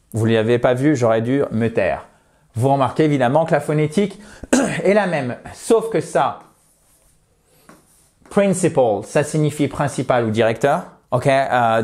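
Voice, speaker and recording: Chatty teacher, slightly high voice. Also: male voice, darkish tone. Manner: chatty, self-mocking, slows to model English words. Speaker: English teacher. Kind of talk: video lesson.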